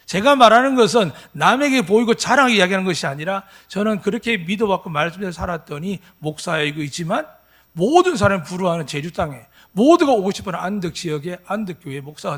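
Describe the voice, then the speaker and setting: A man's voice: high voice, fairly bright tone. A pastor in his fifties preaching at a Sunday church service, emphatic and full of rhetorical questions to the congregation. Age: 50s. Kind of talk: sermon.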